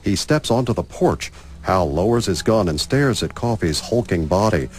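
Deep-voiced man narrating screen action. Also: lively intonation, normal speed, a little mellow, husky. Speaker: audio description narrator. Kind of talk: scripted present-tense scene narration. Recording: film soundtrack music behind. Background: film score music.

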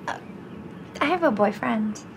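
A woman's voice: fairly high pitch, animated, unhurried, gravelly, slight background noise, low-quality recording. An actress playing a bubbly, polite young girlfriend, giggly, gushing and a little awkward in a TV comedy-drama.

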